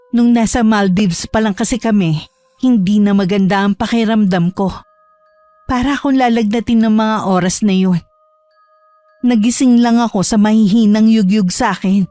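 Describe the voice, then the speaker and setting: A woman giving steady, reflective first-person narration of a horror story. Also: medium pitch, moderate pace, dry recording, soft background music.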